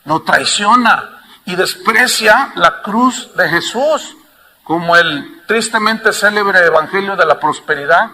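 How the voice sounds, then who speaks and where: A man preaching a sermon to his congregation, impassioned and swinging from hushed tones to loud emphasis. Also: high-pitched, slow pace, slight background noise. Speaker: pastor.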